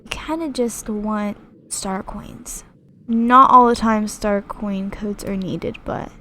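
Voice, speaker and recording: A woman's voice: medium pitch, steady tone, slow pace, bright, forceful tone, a little hiss or hum. A young woman chatting casually over gameplay, rambling with many fillers and restarts, reading viewer comments aloud. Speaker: gaming YouTuber.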